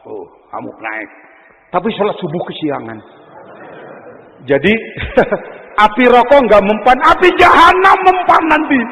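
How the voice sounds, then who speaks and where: An older man preaching a sermon. He swings from loud exclamations down to low murmurs and teases his audience. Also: slight background noise. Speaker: Islamic preacher. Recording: long hall reverb.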